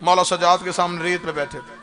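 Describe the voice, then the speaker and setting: A man from Pakistan, a religious orator, delivering a mourning sermon at a live gathering in a tearful, lamenting voice that swells to loud cries. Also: sits high, flat delivery, brisk, slight background noise.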